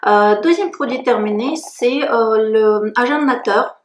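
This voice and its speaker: A woman's voice: a little high, a little slow. French woman, beauty blogger, frank and chatty, echoey room, faint hiss. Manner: frank, chatty, blunt and self-mocking. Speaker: beauty blogger reviewing used-up products. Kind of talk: casual talking-head review.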